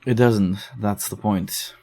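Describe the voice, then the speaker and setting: The narrator and lead of this psychological horror audio drama voices a rattled young man going through case files. Speaking with fairly even intonation in a lowish, mellow tone, he turns uneasy and defensive while recounting events, talking quickly under nerves.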